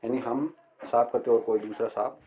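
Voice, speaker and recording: A middle-aged male teacher explaining an English lesson slowly and patiently, repeating words and reading phrases aloud. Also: medium pitch, steady tone, mellow, slight background noise.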